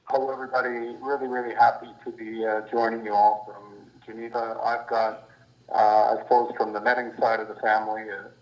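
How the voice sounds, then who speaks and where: A man calling in over a speakerphone to give a halting spoken tribute at a memorial. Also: fairly low pitch, flat delivery, a little mellow. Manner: halting, with many fillers and restarts. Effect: heard over a speakerphone. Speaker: family member calling in to a memorial. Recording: lo-fi echoey speakerphone audio.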